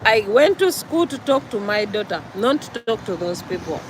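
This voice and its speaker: A woman's voice: mid-range voice, very animated, normal speed, background noise. A Ugandan woman with a Ugandan accent gives an earnest, preachy vlog monologue, repeating her points for emphasis. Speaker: vlogger.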